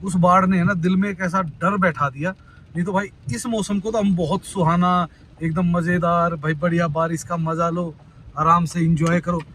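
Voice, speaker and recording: A man's voice: sits high, steady tone, moderate pace, fairly bright tone, poor audio. A man vlogging casually from a car in traffic, chatting with viewers as "brother" and sounding worried about the roads. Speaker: travel vlogger. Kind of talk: casual driving vlog commentary. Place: inside a car in traffic, outdoors around.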